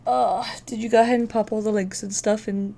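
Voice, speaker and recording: Female streamer, mid-pitched voice, casual and talkative host who swears freely. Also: fairly even intonation, brisk, vocal fry, mellow. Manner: casual, profane, chatty. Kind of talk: casual livestream chat.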